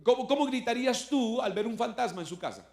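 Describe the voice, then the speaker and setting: A man's voice: very high-pitched, animated, fast talker, vocal fry, darkish tone, reverberant. A male pastor, preaching a sermon in a conversational way, full of rhetorical questions, and rising in force when he quotes scripture. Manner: voice swells when quoting scripture.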